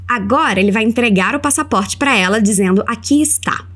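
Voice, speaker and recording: A woman with a Brazilian accent teaching English in an audio lesson, saying model phrases slowly for the listener to repeat. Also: a little high, a bit bright. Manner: slow, carefully spelled-out model phrases for repetition.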